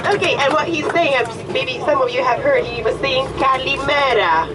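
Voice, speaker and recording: A woman with a Hungarian accent, a tour guide giving chatty, joking commentary on a coach, her voice a little hoarse. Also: high-pitched, normal speed, over a noisy crowd. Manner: friendly, chatty, joking with the group. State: slightly hoarse. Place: tour bus. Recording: distant voice with vehicle noise.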